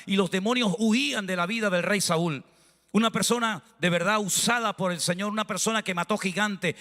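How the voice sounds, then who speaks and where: A man's voice: high voice, sharp tone. A man from Spain with a Spanish accent, preaching a sermon as pastor in a church, acting out little dialogues with the congregation. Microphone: handheld microphone. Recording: long reverb of a large hall.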